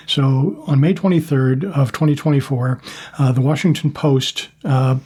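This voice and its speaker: An older American man with a husky voice, talking to viewers as a host in a plain-spoken, casual monologue with measured pauses. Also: mid-range voice, fairly even intonation, darkish tone. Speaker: YouTube host, former Marine.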